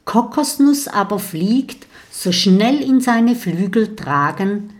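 A woman narrating a children's story with a measured, dramatic read-aloud delivery. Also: medium pitch, animated.

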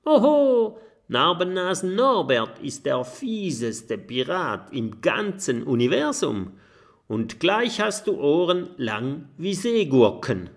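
Mathilda, a jumpy little porcupine girl, squeals in a high, excited voice for a children's storybook, as a man reading aloud puts her on. Her voice swings widely in pitch, with a gravelly edge underneath. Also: takes it slowly, full character voice. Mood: boastful. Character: young female porcupine, fearful and sharp-tongued.

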